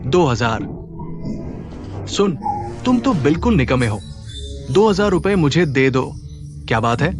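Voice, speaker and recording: A pushy, rowdy protester. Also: male voice, on the high side, sing-song, measured pace, long pauses, music in the background. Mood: indignant. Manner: bossy and impatient. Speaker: dubbing actor. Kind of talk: Hindi dub of a TV drama.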